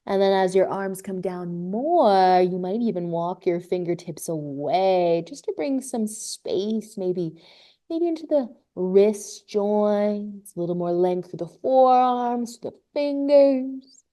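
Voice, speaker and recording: A woman teaching a live yoga class, giving slow, soothing cues and drawn-out breath prompts. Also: mid-range voice, animated, dark tone. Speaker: yoga instructor. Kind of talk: guided yoga class instruction.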